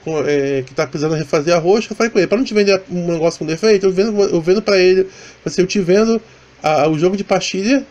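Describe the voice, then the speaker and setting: A man with a fairly high voice and a Rio de Janeiro accent talks through his motorcycle vlog as a relaxed voice-over. He rambles along in casual chat, trailing off and restarting his sentences often. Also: quick pace. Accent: Rio de Janeiro Portuguese. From Brazil. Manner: rambling, chatty, many restarts and fillers. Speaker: motovlogger. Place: voice-over, not recorded on the ride.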